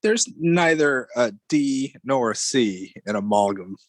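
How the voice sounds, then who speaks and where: A man's voice: mid-range voice, lively intonation, takes it slowly. A man co-hosting a casual podcast, stuffy and under the weather, making dry joking asides. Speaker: podcast co-host.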